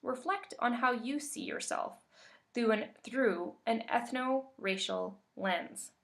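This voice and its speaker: Her voice sits a little high and sounds creaky as this Canadian workshop facilitator gives a webinar presentation. She comes across as calm and measured, using fillers occasionally.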